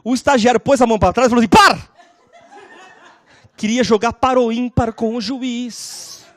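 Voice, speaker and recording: A woman lecturing on law, telling lively stories and constantly checking in with her class. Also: on the high side, fairly quick. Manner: animated, acts out scenes.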